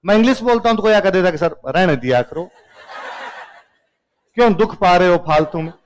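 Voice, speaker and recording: A man's voice: high-pitched, lively intonation, brisk, low-quality recording. A man with a Rajasthani accent whose first language is Rajasthani, teaching a humorous classroom lecture and playfully repeating words to contrast how they are said. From Rajasthan, India.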